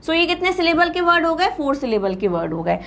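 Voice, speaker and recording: A woman's voice: extremely high pitch, big pitch swings, a little fast, fairly bright tone. A woman with an Indian accent teaching an exam-prep English lesson, explaining step by step and checking in with her students.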